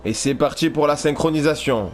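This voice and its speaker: A man's voice: a little high, fairly quick, a little hiss or hum. Chatty French gamer man. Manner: chatty, talks straight to his viewers. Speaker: let's play gamer. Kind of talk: casual gameplay commentary.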